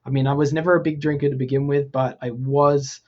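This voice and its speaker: A man's voice: medium pitch, little pitch movement, fast, darkish tone, muffled recording. A man of forty from Australia, talking casually as a podcast guest, thoughtful and hesitant with many ums and restarts. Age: 40s. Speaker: guest, VFX artist.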